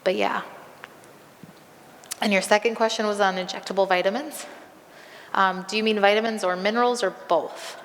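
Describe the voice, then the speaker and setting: A woman veterinarian takes audience questions in a large hall. Her voice has a gravelly, fry-filled edge, and she sounds a little strained, as if she is losing it. The sound carries a long reverb with a faint hiss of room noise. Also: mid-range voice, steady tone, moderate pace, long pauses, a bit bright. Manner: conversational, many um fillers, practical. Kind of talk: live Q&A at a presentation.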